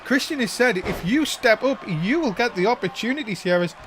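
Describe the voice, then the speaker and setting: A man doing informal play-by-play as a wrestling commentator, given to drawn-out, excited calls. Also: extremely high pitch, slight background noise. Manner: breaks into drawn-out excited shouts at big moves.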